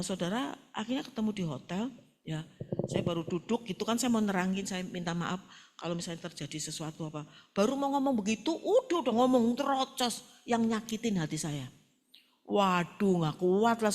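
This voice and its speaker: A middle-aged woman pastor preaching a sermon, telling stories with quoted dialogue in a colloquial style and often addressing the congregation directly. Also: mid-range voice. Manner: animated storytelling with quoted dialogue.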